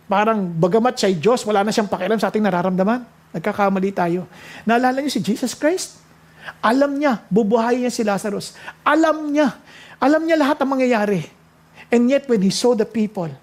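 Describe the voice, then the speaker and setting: A man with a notably high-pitched voice delivers an impassioned sermon. His pitch leaps and drops for emphasis, and he slows to a deliberate pace when reading scripture aloud. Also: darkish tone. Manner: mixes speech with quoted Bible verses read slowly. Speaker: preacher.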